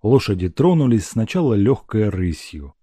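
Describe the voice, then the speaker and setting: A man narrating a classic novel as an audiobook, with expressive storytelling. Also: lowish voice, normal speed, no echo, clean studio sound. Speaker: audiobook reader.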